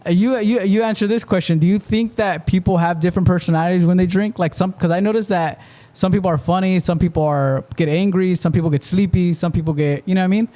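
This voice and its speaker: A man's voice: high-pitched, fairly even intonation, quick pace, hardly any pauses, warm tone. A man hosting a podcast, chatting in a laid-back way and swearing freely. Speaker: podcast host. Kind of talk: casual chat.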